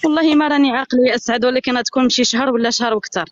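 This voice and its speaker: A woman with an Algerian Arabic accent, a guest on a live stream, talking in a rapid, aggrieved and insistent way over a phone call. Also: sits high, steady tone, dry recording. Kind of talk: casual live-stream chat.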